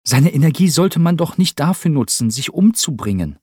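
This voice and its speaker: A man's voice: medium pitch, very animated, a little slow, a little mellow, husky, dry recording, clean studio sound, pitched above the performer's own voice. A man reading an audiobook and voicing a pushy young male cook who pleads breathlessly and insistently. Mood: pleading.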